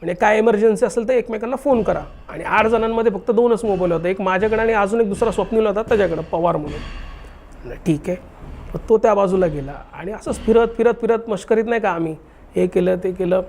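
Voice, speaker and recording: A young man with a high-sitting voice and vocal fry, a guest in casual chat, tells a true ghost story about a haunting. He is animated, acting out the dialogue as he retells it.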